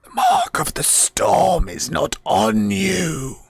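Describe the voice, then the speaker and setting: A man voicing a solemn, cryptic undead skull that guards a magic door in a tabletop game, with a rasping, breathy, booming voice. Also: wildly swooping pitch, no room sound, heavily acted. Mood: stern, ominous. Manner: slow, drawn-out, cryptic pronouncements.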